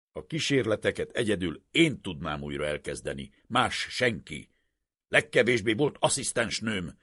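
A principled male professor speaking in a calm, serious and firm manner, as a male narrator puts him on. The voice stays low and husky, with lively rises on his key statements. The recording is dry and close. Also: no room sound, full character voice.

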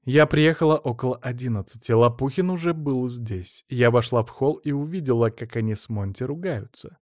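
A man's voice: mid-range voice, normal speed, a little mellow, no room sound, clean studio sound, close to an everyday voice. A man reading an audiobook, voicing a cold, curt middle-aged woman with a scornful manner.

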